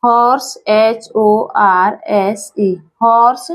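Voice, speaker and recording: A patient woman teacher, speaking in a high voice at an unhurried pace. She repeats each word and spells it out letter by letter. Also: steady tone. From India. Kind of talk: English pronunciation lesson.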